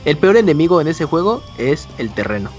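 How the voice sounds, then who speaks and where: A man with a Mexican accent and a somewhat high voice talks casually about games as part of a panel. Faint music plays under his voice. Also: very animated, a little fast, highs cut off. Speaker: video game podcast panelist.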